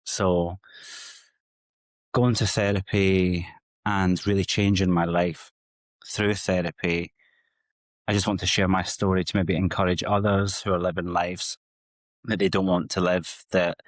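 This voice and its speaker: A man's voice: low-pitched, flat delivery, measured pace, pauses often, dry recording. A Scottish man from the west coast, a psychotherapist speaking openly and reflectively about his own past as a guest on an interview podcast. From Scotland. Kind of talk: candid personal interview.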